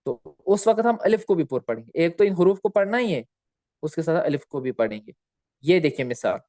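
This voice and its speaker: Guy teaching a recitation lesson, kinda high voice, dry close sound, quizzes himself and draws out the example words. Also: darkish tone, dry recording. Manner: asks and answers his own questions, repeating key terms; stretches out example words slowly. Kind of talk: recorded lecture with slides.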